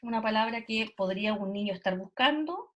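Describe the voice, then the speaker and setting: Lady teaching kids online, kinda high voice, keeps checking they follow. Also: expressive, brisk, a bit bright, dull audio, slight background noise. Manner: explanatory, frequent "¿cierto?" check-ins. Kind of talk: online class explanation. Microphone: video call.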